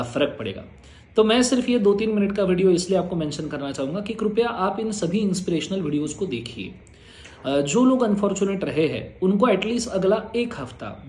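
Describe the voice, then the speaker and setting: A man's voice: fairly high pitch, a little mellow. A man giving students an earnest, reassuring motivational talk as their exam teacher. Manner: earnest, reassuring, mixes Hindi and English. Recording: roomy echo.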